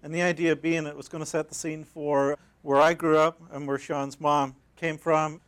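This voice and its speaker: A man with a Northern Irish accent, an academic librarian giving a measured, explanatory conference talk. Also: a little high, little pitch movement, fairly bright tone, clear, resonant tone. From Northern Ireland. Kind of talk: conference presentation.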